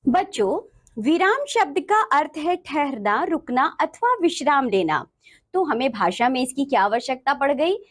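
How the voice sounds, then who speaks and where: A woman's voice: high-pitched, big pitch swings, measured pace. A woman teaching a grammar lesson to children, explaining each point with examples and addressing the class often.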